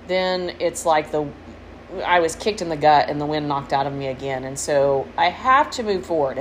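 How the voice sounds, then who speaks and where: A middle-aged woman hosting a podcast as a casual, candid, rambling personal monologue, recorded in a room with fans running. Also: low voice. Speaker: podcast host. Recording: noisy, window units and fans humming.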